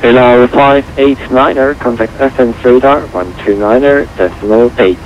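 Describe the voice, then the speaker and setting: A man's voice: medium pitch, steady tone, normal speed. A man working as an air traffic controller, speaking in clipped procedural phrases over an aviation radio. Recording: muffled, noisy aviation radio transmission.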